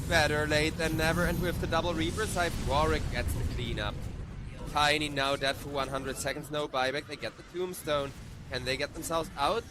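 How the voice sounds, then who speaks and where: A fairly high-voiced man casting a live esports match with excitable play-by-play calls. His voice jumps up at the big moments. There is clear noise behind him. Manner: excitable, rising sharply at big plays. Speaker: esports caster. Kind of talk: play-by-play commentary.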